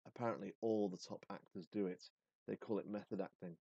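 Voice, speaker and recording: A man's voice: fairly low pitch, fairly even intonation, fairly quick, creaky, warm tone, breathy edge, dry recording, highs cut off. A male teacher reading a story aloud expressively, then setting a task casually with fillers.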